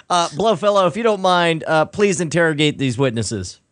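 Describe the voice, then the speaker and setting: A man's voice: fairly high pitch, expressive, measured pace, a bit bright, no room sound, studio quality. A man putting on a stiff, mechanical robot voice as a robot police officer, with bursts of beeping sounds. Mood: stiff robotic. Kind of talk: improvised comedy bit.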